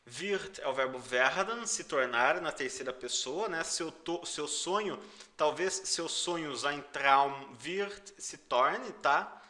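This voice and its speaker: A man with a Brazilian Portuguese accent teaches German by explaining song lyrics, patiently repeating each phrase and stressing the foreign words. His voice is a little high, bright and forceful, with lively intonation at a slow pace.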